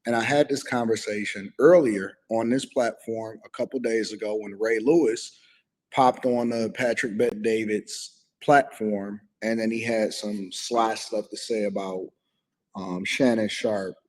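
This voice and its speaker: Low-voiced man in a reverberant room. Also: steady tone, a little slow.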